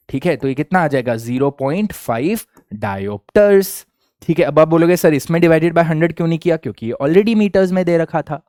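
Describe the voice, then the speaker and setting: A young man teaching physics in a lively classroom lecture, often checking in with his students with quick questions. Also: fairly high pitch, no echo, studio quality. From India. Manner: energetic, addresses students as kids, asks frequent check questions. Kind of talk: Hindi-English classroom lecture.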